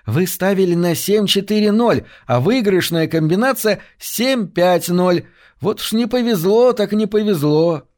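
A man voicing an excitable, short male bookie who chatters eagerly in a raised voice. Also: high-pitched, moderate pace, hardly any pauses, pitched above the performer's own voice, close to an everyday voice. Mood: chatty.

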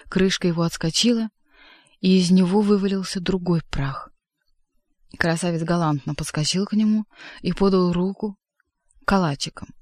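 A narrator giving a measured, expressive reading of a literary audiobook. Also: mid-range voice, dry recording, studio quality.

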